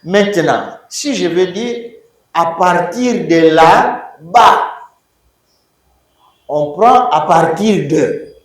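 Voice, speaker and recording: Guy lecturing, really animated, slow and deliberate, echoey hall, mic far off. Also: sits high. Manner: animated teacher, repeats key words, quizzes the class, slips into Lingala. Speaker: Biblical Hebrew lecturer. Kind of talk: university lecture. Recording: roomy echoing hall, voice from far off.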